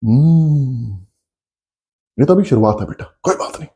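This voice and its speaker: Man teaching a math class, animated swooping pitch, mellow tone. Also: rapid-fire. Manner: lively, coaxing, addresses students as beta, acts out their questions. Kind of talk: coaching class lecture.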